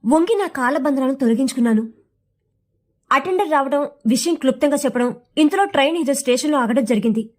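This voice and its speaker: A woman narrating a suspenseful first-person audio story, reading with expressive, tense delivery. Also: high voice, a little fast.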